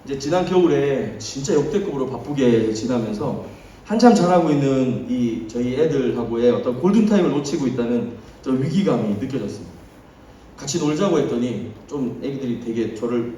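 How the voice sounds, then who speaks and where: A man in his thirties preaches to a youth group, his voice ranging widely from hushed asides to loud emphasis. His tone is mellow and dark, and the sound comes from off-mic in an echoey church hall. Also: mid-range voice, distant mic, a little hiss or hum. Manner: storytelling with acted quotes, swinging from soft to loud. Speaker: youth pastor. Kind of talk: sermon.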